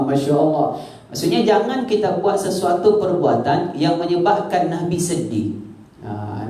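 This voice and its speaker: A man with a Malaysian Malay accent delivers an evening lecture in a mosque. He tells the story in a mellow, dark voice and acts out its dialogue with pitch that rises and falls. The voice rings through a very echoey hall. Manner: storytelling, acting out dialogue with rising and falling pitch. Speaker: preacher.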